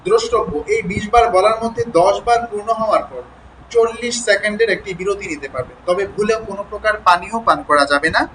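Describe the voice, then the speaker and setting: A man's voice: sits high, quick pace, a bit bright, slight background noise, low-quality recording. A man teaching a lesson on jaw exercises and pronunciation drills, chatting with listeners and checking they follow. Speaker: teacher of standard Bengali pronunciation.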